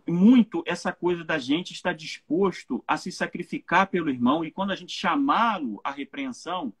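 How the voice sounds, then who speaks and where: A man's voice: a little high, slightly rough. A Brazilian man, a pastor, giving an informal Bible teaching on a live stream and often checking in with his listeners. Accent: Brazilian Portuguese. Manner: informal, keeps checking in with tag questions.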